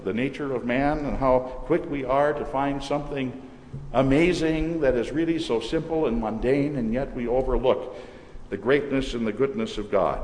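A male pastor preaching a sermon with a measured, deliberate delivery, slowing down to stress his points. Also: medium pitch, a little mellow, slight background noise. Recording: reverberant hall with faint ambience.

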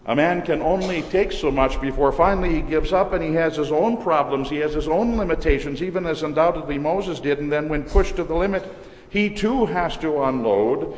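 A male pastor preaching a sermon with a measured, deliberate delivery, slowing down to stress his points. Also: fairly high pitch. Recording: reverberant hall with faint ambience.

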